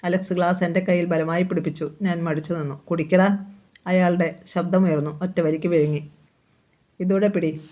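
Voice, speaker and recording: A woman reading a novel aloud in a steady, expressive narration. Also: lowish voice, brisk. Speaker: audiobook reader.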